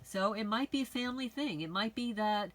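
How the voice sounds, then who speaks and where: Speaking fairly quickly in a slightly high voice, this Bronx-born, middle-aged channel host chats frankly and at length with her viewers in a casual monologue. The audio is poor.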